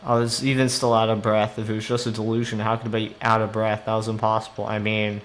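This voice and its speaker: A man's voice: on the low side, completely flat delivery, fast talker, a little hiss or hum. Swearing man reading a game aloud. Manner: reads narration then reacts with swearing and laughter. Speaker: streamer. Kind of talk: live game playthrough, reading story text aloud.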